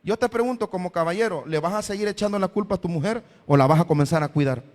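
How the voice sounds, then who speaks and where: A man's voice: sits high, fast, a little mellow. A man preaching a sermon as pastor, often calling his listeners brother and voicing their imagined questions. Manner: voices imagined questions from the congregation. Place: church hall. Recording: long hall reverb.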